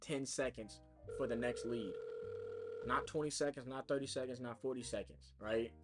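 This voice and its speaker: A man with a medium-pitched, fairly even voice speaks at normal speed while live streaming his real estate cold calls, with music in the background. He's chatty and casual, explaining what he's doing as he works, full of fillers and restarts.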